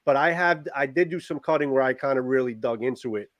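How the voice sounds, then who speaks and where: A man's voice: medium pitch, fast talker, no room sound, clean studio sound. A man hosting a live stream, talking in a casual, conversational style. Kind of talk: casual product chat.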